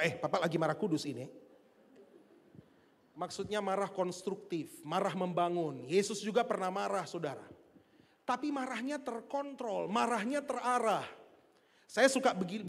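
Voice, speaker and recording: A male pastor, preaching in a large church. He tells stories and keeps asking the congregation questions. His voice rings out with the long echo of the hall. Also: sits high. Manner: lively storytelling with rhetorical questions to the congregation. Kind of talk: sermon.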